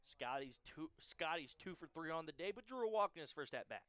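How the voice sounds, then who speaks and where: A young man's bright, crisp voice calls a live radio baseball game pitch by pitch. He sits a touch higher than most men and keeps a brisk rhythm, lifting his energy whenever the ball is put in play. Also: lively intonation. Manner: brisk pitch-by-pitch calls that lift on big plays. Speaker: play-by-play announcer.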